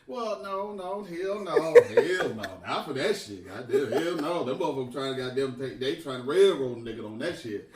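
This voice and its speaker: A man telling a profane, animated story on a podcast and laughing often. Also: mid-range voice, normal speed, hardly any pauses, far from the mic, a crowd in the background. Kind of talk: casual storytelling. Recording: echoey room, off-mic.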